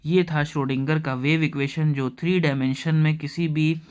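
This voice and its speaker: Man, Indian accent, chemistry teacher, slightly high voice, checks in often, dictates equations slowly. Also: fairly even intonation, a little mellow, smooth. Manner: explains step by step, often checking in with "okay?"; slows right down to dictate equations. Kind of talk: classroom lecture.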